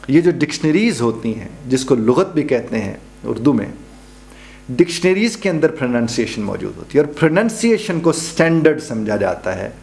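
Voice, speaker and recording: A man's voice: medium pitch, creaky, darkish tone. Pakistani man teaching pronunciation. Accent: Pakistani Urdu. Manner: explains slowly, spells out and repeats example words. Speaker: pronunciation trainer. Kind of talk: spoken lesson.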